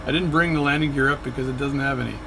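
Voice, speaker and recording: Rapid-fire and creaky, a medium-pitched male voice with fairly even intonation narrates a flight sim session. The creator behind the video is chatty and rambling, often catching and correcting himself mid-sentence. Background noise is present.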